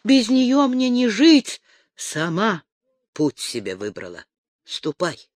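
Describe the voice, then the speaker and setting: A man voicing a stern, unyielding older trapper who speaks low, grave and measured. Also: wildly swooping pitch, no room sound, full character voice.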